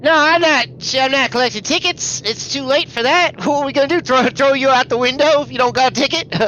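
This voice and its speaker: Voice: sits high, fairly quick, bright, forceful tone, lo-fi sound, slight background noise, pitched above the performer's own voice. A game master voicing an eager, bumbling, condescending young man who stammers and apologizes in a tabletop game. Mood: chipper, awkwardly condescending. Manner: stammering, flustered, over-apologetic. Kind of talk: tabletop role-play character voice.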